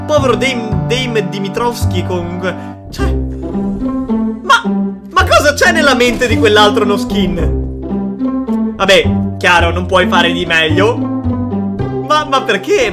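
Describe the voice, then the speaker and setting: A man, giving casual reaction commentary on game clips, trying not to laugh, repeating himself with playful mock sympathy. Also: sits high. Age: 20s. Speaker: gaming video host. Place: indoor streaming setup.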